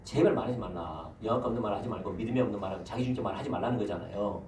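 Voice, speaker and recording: A man's voice: on the low side, rapid-fire, darkish tone, slight background noise. A man, the senior pastor, giving a Sunday sermon and putting rhetorical questions to his congregation. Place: church sanctuary. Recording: echoey church hall, mic at a distance.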